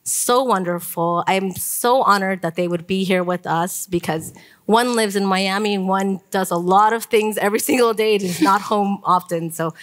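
A woman in her forties moderating a conference panel on stage, talking with many pauses and fillers. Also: mid-range voice. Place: conference stage before an audience.

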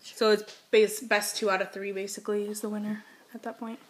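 A young woman co-hosts a challenge video on a home vlog, chatting casually in a kitchen while seated a little back from the device's camera mic. Her voice is medium-pitched and level, and she talks a little fast.

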